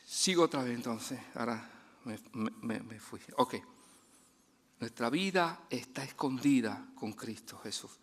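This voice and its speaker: A man's voice: animated, unhurried. Chatty male preacher telling a story. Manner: chatty, laughing, many restarts; drops soft and low when preaching. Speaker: guest preacher. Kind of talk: storytelling sermon.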